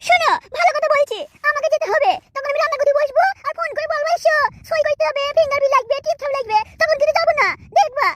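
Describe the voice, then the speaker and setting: Give me a touchy cartoon wife as a woman voices her, high and quick. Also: fairly bright tone, no room sound. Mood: indignant. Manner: indignant, quarrelsome. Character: touchy, indignant young wife. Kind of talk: comic cartoon dubbing.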